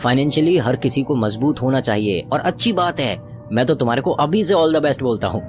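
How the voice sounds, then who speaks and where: A man's voice: mid-range voice, lively intonation, a little fast, music in the background, pitched above the performer's own voice, natural voice. A man voicing a cheerful young husband and father who reassures his family in a raised, upbeat voice.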